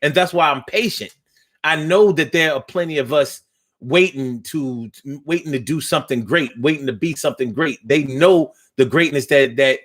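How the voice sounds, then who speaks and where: A man's voice: on the high side, a bit bright. A man of fifty hosting a call-in talk show, speaking with passion and often repeating words as he builds his point. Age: 50s.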